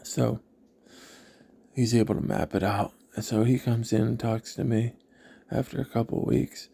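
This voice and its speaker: A man telling his personal story in a halting, reflective way, with many pauses. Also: medium pitch, little pitch movement, vocal fry, warm tone, breathy edge. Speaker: vlogger.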